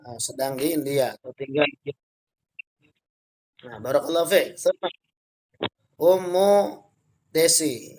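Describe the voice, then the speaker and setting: A man's voice: on the high side, slow, long pauses, darkish tone, rough recording. A man teaching an online Arabic grammar class, patiently explaining step by step and calling on students by name. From Indonesia.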